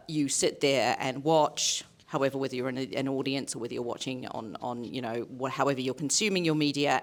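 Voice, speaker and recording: A woman with a light New Zealand accent, a voice and performance director explaining her craft on a conference panel. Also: a bass voice. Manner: explanatory, repeats key points. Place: conference stage.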